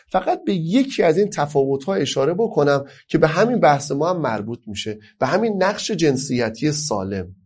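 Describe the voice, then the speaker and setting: A man's voice: fairly high pitch, a little mellow. Man from Iran with a slightly raised voice, lecturing emphatically and drawing out key phrases. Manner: emphatic, asks rhetorical questions then answers them; stretches key phrases slowly, then speeds up. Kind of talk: lecture on family life.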